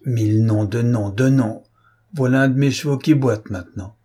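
A man voicing a sly, rough young coach driver who swears loudly and talks like a country man. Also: medium pitch, normal speed, lightly acted. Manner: cursing loudly, rustic speech.

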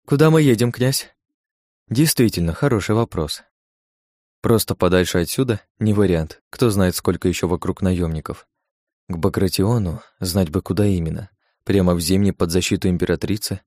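Male audiobook narrator, low voice, dry close recording, steady first-person reading. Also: normal speed, no echo.

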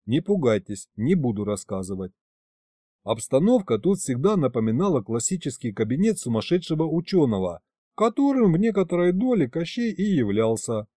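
A man narrating an audiobook in an expressive, lively reading. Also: fairly high pitch, normal speed, no echo. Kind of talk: scripted narration.

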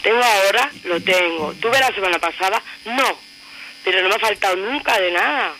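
A woman's voice: mid-range voice, moderate pace, bright, forceful tone, a little hiss or hum, poor audio. A woman in her thirties speaking intensely on a radio show, asking many rhetorical questions. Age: 30s. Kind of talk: personal radio talk.

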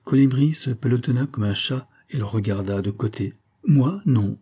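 A man narrating a classic short story aloud in a measured, even reading voice. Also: mid-range voice, breathy edge. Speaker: audiobook narrator. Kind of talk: scripted literary narration.

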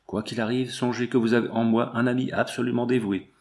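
A man's voice: medium pitch, flat delivery, brisk, natural voice. A man voicing a greedy, scheming foreman in an audiobook, brooding and muttering. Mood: earnest.

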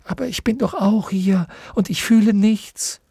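A man's voice: sits high, a little slow, creaky, dark tone, breathy edge, dry recording, studio quality, voice pushed up, exaggerated voice. A man doing an earnest young boy hero. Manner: earnest, urgent. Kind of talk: audiobook character voice.

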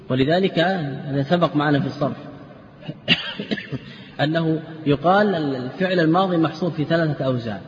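A man with a fairly high voice gives a classroom lecture in a reverberant hall. He keeps asking his students questions and then answers them himself, and he repeats word forms as drills. The recording sounds dull and muffled, with a faint hiss underneath. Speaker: Islamic scholar teaching a class. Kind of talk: classroom lecture on legal theory and grammar.

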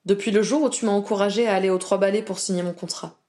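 A woman's voice: mid-range voice, fairly even intonation, fast talker, mellow, natural voice. A woman voicing a proud, anxious young witch who talks in an earnest, pleading way.

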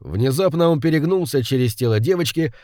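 Man narrating an audiobook, lively pitch. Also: a little fast, dry recording, studio quality. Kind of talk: scripted narration of a detective story.

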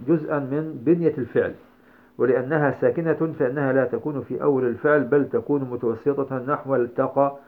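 Man, tajweed teacher, measured explanatory tone, middle pitch, narrow phone-like audio. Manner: measured explanatory teaching with frequent "aah" fillers. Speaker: Quran recitation teacher. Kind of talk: tajweed lesson.

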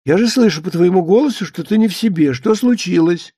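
A shrill, scolding middle-aged wife, as a male narrator puts her on, raised well above his husky voice. She nags insistently and leaves no room to answer. The audiobook sound is dry and close. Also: lively intonation, a little fast, dark tone, no echo. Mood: coaxing. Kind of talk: audiobook character voice.

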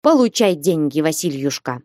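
A woman voicing a blustering, hot-tempered old male merchant in an audiobook, scolding and shouting. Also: low-pitched, very animated, moderate pace, dry recording, studio quality. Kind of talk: audiobook reading.

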